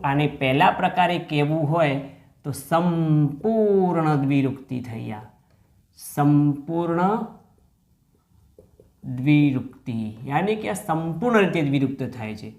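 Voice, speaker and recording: A man's voice: fairly high pitch, a little mellow. Man teaching a grammar lesson, echoey room. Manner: addresses listeners as friends, asks questions and answers them, stretches out key words. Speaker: school teacher.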